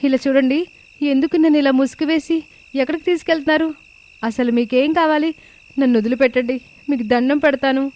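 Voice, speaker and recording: A woman's voice: high-pitched, steady tone, brisk, darkish tone, close to an everyday voice. A woman voicing a frightened young daughter-in-law who begs her captors to let her go. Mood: pleading, scared. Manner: pleading, begging. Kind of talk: storybook drama acting.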